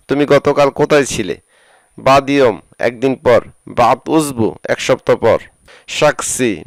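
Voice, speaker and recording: A man teaching vocabulary, saying each phrase slowly and repeating it with its translation. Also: medium pitch, clean tone, no room sound. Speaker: language teacher. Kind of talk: slow phrase-by-phrase vocabulary lesson.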